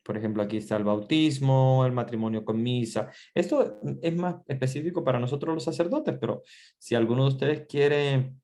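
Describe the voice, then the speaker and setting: A middle-aged man, a priest, giving an online Bible class in a relaxed, conversational way, with many fillers and restarts. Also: medium pitch, a little fast. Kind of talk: online class lecture with screen sharing.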